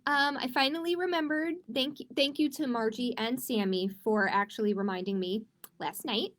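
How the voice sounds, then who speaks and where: A woman with a slightly high, somewhat bright voice speaks at a moderate pace. As a librarian hosting a livestreamed children's storytime, she reads aloud expressively and chats with young viewers by asking them questions.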